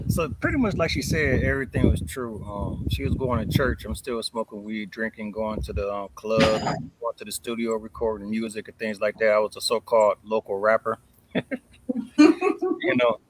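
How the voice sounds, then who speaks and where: A man with a somewhat low voice recounts his past in an easygoing, conversational way. He keeps checking in with the listener as he tells the story. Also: big pitch swings, moderate pace, very noisy. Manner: laid-back, conversational, often says "you know what I mean". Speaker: guest sharing his family story.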